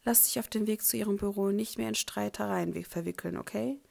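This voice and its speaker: A woman's voice: mid-range voice, a little fast, creaky, darkish tone. A woman voicing a cheeky teenage schoolboy who teases with a grin. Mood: teasing. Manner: grinning, teasing. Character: cheeky teasing teenage boy.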